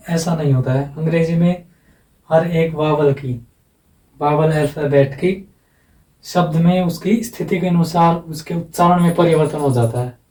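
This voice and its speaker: A man teaching an exam-prep lesson with a somewhat high, mellow voice, patient and repetitive, drawing out each example sound. He is heard from a distance in an echoey room.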